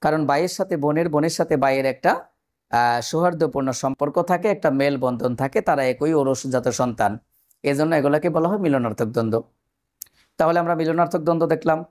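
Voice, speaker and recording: A man's voice: on the high side, a little mellow. A man teaching an exam-prep grammar lesson, explaining step by step and putting questions to his viewers.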